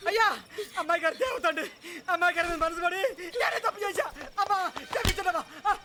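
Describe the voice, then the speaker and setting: A man's voice: very high voice, sing-song, fast. An actor playing a cowardly male driver who howls and sobs as he pleads with his masters. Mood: pleading. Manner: howling, sobbing pleas. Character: wailing cowardly male servant driver, guilty.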